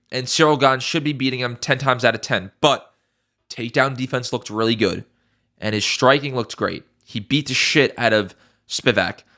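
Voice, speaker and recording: A young MMA YouTuber loosely and emphatically runs through upcoming fights, repeating his strongest points and cursing casually. His congested, stuffy voice sits at a middling pitch with a bright, forward tone.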